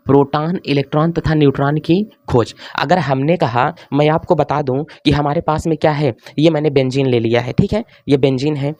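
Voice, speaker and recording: Chatty Hindi-accented teacher, dry close sound. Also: male voice, on the high side, a little mellow, no room sound. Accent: Hindi, north Indian. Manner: chatty, repeats questions to students, coaxing. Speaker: chemistry teacher. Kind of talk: classroom lecture at a board.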